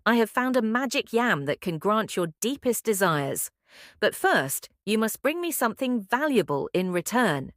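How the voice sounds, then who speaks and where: A woman's voice: on the high side, very animated, normal speed, dry recording, studio quality. A woman voicing a sly, boastful male trickster spider in a folk tale, with a scheming, showy manner. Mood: showy, calling out.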